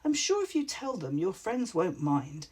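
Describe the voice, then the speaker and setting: Kindly female witch for a storybook, reassuring and slow, voiced by a woman. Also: lowish voice, sing-song, a little mellow, breathy edge, exaggerated voice. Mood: gentle. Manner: soothing, reassuring. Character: kind, gentle female witch, comforting friend.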